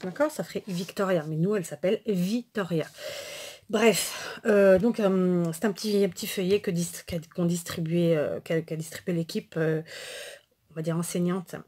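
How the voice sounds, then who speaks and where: Lady vlogging, rambly, lots of asides, lowish breathy voice. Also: fairly even intonation, normal speed, mellow. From France. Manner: chatty, rambling with many asides and fillers. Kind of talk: casual chat to camera.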